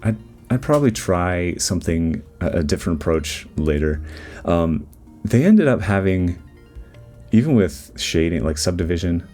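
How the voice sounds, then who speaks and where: Low-voiced man talking through his 3D modeling. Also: moderate pace. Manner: relaxed, rambling, with many fillers and restarts. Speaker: 3D artist giving commentary. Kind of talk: casual voice-over commentary on a modeling timelapse. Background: faint background music.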